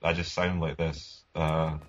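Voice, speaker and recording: This co-host is a young man whose extremely low, level, unhurried voice sounds older than he is, with the highs cut off. He jokes, banters and winds others up during casual gaming commentary chat.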